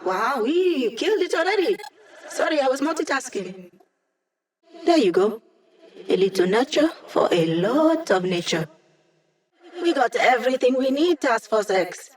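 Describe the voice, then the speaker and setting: A woman's voice: high-pitched, animated, measured pace, long pauses, darkish tone. A woman voicing a playful young female hacker in a video game, with a casual, wry, teasing manner.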